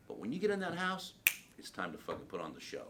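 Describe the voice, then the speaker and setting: Lowish voiced guy coaching a sales team, swears a lot, faint room hum. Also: wildly swooping pitch, fast talker. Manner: blunt, profane, coaching. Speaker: sales trainer. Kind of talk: sales training talk to a group. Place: training room with a group.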